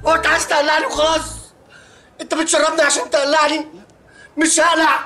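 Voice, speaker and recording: A man's voice: very high voice, monotone, fast, music in the background. A panicking, stoned young man. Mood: panicked. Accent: Egyptian Arabic. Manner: whiny, gasping, panicky. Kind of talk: sitcom acting.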